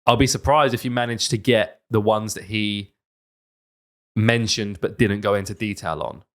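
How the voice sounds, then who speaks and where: A man's voice: on the low side, moderate pace, fairly bright tone. A man with a British accent casually hosting a quiz among friends on a podcast.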